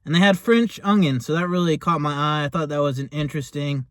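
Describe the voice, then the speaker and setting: A fast-talking man with a slightly high voice and steady tone hosts a taste test, giving a laid-back, chatty food review. He rambles, hedging his phrases and saying "like" a lot.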